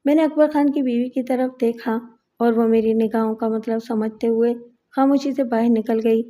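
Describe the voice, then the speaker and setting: A woman reads a crime thriller novel aloud in a measured, literary storytelling style. Her voice sits somewhat high and sounds mellow and soft. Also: fairly even intonation. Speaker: audiobook narrator. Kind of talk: scripted audiobook narration.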